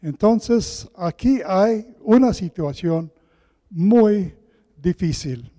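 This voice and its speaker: A soft-voiced man preaches a slow, deliberate sermon, pitched rather high and mellow. His gentle words wash through the long reverb of a large, echoing church hall. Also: lively intonation. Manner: slow, deliberate scripture reading. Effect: heavy echo of a large church hall.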